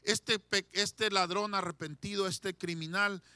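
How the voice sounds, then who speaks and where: A male pastor preaching a sermon, swinging from shouted declarations to hushed pleading and leading the congregation in call-and-response. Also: sits high, fairly even intonation, measured pace, no echo.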